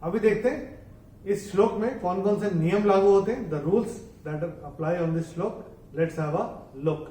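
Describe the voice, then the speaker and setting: A man with a high voice guides learners through verse chanting at an unhurried pace. He explains patiently, then chants each line slowly with more force. He sounds echoey and set back from the mic. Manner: measured explaining, breaking into slow, louder chanted verses. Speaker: chanting teacher. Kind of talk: bilingual tutorial on chanting verses. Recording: echoey room, voice from a distance off the mic.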